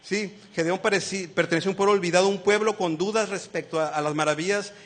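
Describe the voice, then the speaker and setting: A man's voice: high voice, fast. A man preaching a sermon, acting out the lines he quotes and asking the congregation questions. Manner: animated, asks the congregation questions; acts out quoted lines in shifting voices.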